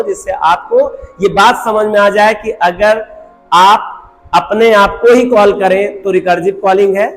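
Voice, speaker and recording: High-voiced man teaching a programming lecture. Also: big-room sound, low-quality recording. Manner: repetitive, asks rhetorical questions, mixes English terms into Hindi. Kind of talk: recorded lecture.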